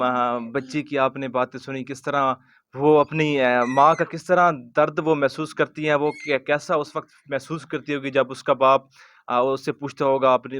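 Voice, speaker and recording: A male interviewer speaking gently, soothing a crying girl and then appealing earnestly to viewers. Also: mid-range voice, smooth, dry recording. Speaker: host. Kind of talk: street interview.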